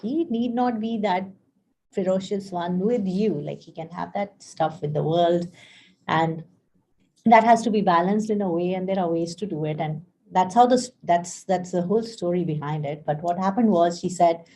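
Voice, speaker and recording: A woman's voice: lowish voice, moderate pace, mellow, a little hiss or hum. A woman life coach talking casually on a live stream, telling stories and acting out the dialogue. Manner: chatty storyteller, acts out quoted dialogue; frequent fillers and restarts, friendly address to viewers.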